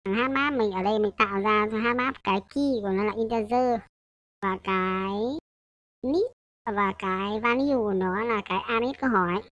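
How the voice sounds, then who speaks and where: A woman with a medium-pitched, fairly bright voice speaks at a moderate pace over lo-fi audio. She works through a casual coding tutorial loosely and hesitantly, correcting herself and checking in with her listeners again and again.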